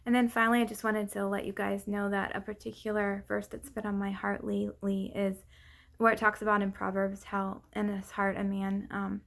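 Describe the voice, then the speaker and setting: A woman speaking out of breath in a casual, unscripted personal update, haltingly and often losing her thread. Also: medium pitch, little pitch movement, gravelly, fairly bright tone. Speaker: vlogger giving a personal update.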